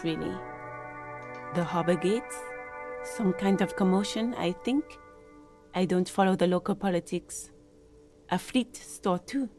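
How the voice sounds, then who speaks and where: A woman's voice: medium pitch, natural voice. An actress playing a composed, guarded woman gardener in a video game, speaking in a matter-of-fact way.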